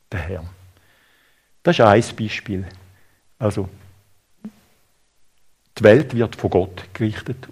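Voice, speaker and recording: Man, Swiss German accent, preacher, sermon, husky voice, lowish pitch, halting delivery. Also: darkish tone. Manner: halting, with many fillers and restarts.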